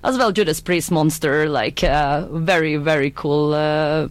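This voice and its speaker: Woman, halting and giggly. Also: sits low, no room sound. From Bosnia. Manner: halting, laughs often, many fillers. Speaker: music venue owner, guest. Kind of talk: radio interview. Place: radio studio.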